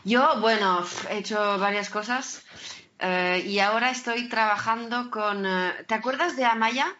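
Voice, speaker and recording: Bright-voiced woman, hesitant non-native speaker. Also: a little high, a little slow, highs cut off. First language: not Spanish. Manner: hesitant, searching for words in Spanish. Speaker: podcast guest. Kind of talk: casual conversational interview.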